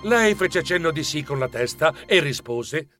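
A man narrating a children's audiobook in an animated storytelling manner. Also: fairly high pitch, a little slow, soft background music.

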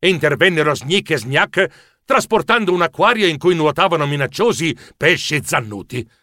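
A man narrating a children's story in an animated, expressive way. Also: a little high, moderate pace, slight background noise. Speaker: audiobook narrator.

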